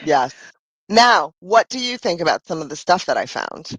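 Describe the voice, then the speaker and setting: A woman's voice: on the low side, big pitch swings, normal speed, fairly bright tone, husky, no room sound. A woman hosting a casual live stream, chatting in a rambling way and losing her voice. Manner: chatty, rambling, frequent "I mean" and "right?". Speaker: livestream host.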